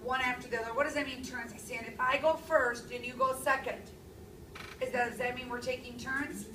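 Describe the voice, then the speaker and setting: A woman in her thirties teaching a classroom language lesson, speaking clearly and stressing key words. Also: on the high side, steady tone, a little fast, background noise. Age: 30s. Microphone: far camera. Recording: echoey classroom from far off.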